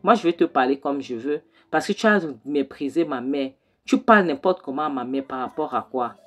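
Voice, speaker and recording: A woman's voice: rumbling low, animated, brisk. A woman voicing an indignant young daughter who stands up to her father for her mother, repeating herself as she argues. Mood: defiant.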